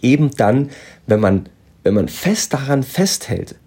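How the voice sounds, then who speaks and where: A man hosting a fitness podcast in a plain-spoken, motivational way, recorded on poor low-quality audio while on vacation. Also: big pitch swings, a little slow, warm tone, breathy edge. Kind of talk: casual podcast monologue.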